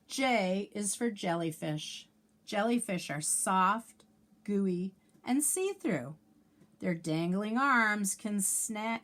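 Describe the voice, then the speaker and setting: A female teacher with a medium-pitched voice reads a children's alphabet picture book aloud, unhurried and sing-song, with lively intonation. She enunciates the letters carefully for young children and adds chatty asides and questions for her little listeners.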